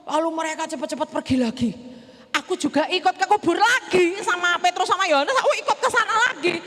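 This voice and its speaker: High chatty mary magdalene acted by a woman, all feelings, stammers, echoey church hall. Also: lively intonation, fast, a bit bright. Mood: lively retelling. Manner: chatty, colloquial, emotional, stammering. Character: Mary Magdalene, grieving then joyful woman disciple. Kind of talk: first-person dramatic monologue in church.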